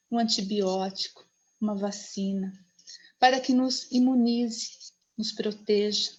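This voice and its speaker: A woman leading a spiritist group prayer in measured, solemn, reverent phrases. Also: mid-range voice, muffled recording. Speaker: prayer leader.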